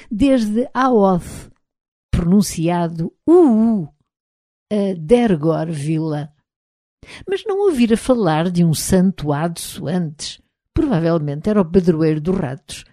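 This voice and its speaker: Mellow-voiced woman narrating an audiobook. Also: on the low side, lively intonation, slow, no room sound, studio quality. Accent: European Portuguese. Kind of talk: scripted first-person narration.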